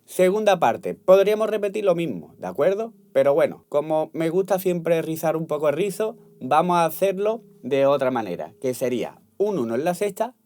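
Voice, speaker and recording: A man's voice: fairly high pitch, sing-song, moderate pace, few pauses. A man teaching flamenco guitar, patiently explaining and counting beats, often checking in with "¿vale?". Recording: guitar playing loud behind voice.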